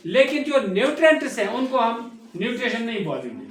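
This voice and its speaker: A man's voice: extremely high pitch, sing-song, a little fast, slight background noise. A man teaching a school science class, repeating key terms and asking students to call them back. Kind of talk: classroom lecture. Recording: echoey classroom, distant mic.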